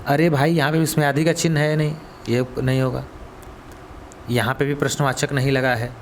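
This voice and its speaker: A man's voice: medium pitch, level tone, moderate pace, slight background noise. Hindi-accented man teaching a grammar class. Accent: Hindi, Varanasi region. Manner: asks students then answers, repeats key words. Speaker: coaching teacher. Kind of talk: exam question walkthrough.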